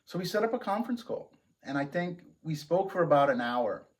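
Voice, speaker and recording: A man's voice: on the high side, a little fast. A man hosting his own show, casually telling a story about his band and acting out the dialogue. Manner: conversational, animated retelling with quoted dialogue. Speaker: host.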